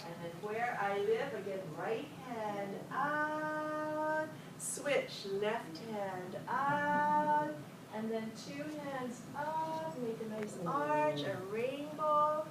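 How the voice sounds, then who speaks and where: A woman's voice: high voice, very slow. A woman from Hilo, Hawaii, teaching a group the motions to a song and leading call-and-response greetings in an upbeat way. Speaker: hula and song instructor. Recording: roomy, far from the mic, noisy.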